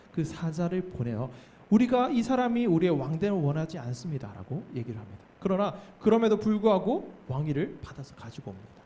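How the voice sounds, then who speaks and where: Youth pastor with a mellow, raised voice. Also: male voice, on the high side, a little hiss or hum. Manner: explains with rhetorical questions to the listeners; acts out the quoted voices of master and servants. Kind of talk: sermon.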